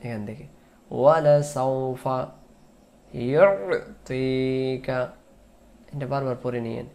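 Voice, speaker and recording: A man teaching Quran recitation, drawing out the verses in a slow chant between spoken explanations. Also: medium pitch, fairly even intonation, vocal fry, mellow. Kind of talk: tajweed lesson with chanted recitation.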